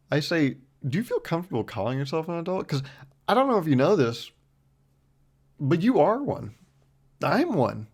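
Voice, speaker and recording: Gravelly-voiced young man rambling on his podcast. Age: 20s. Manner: rambling and self-deprecating, lively swings in pitch. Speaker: podcast host. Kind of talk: casual solo podcast chat. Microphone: close mic with foam windscreen.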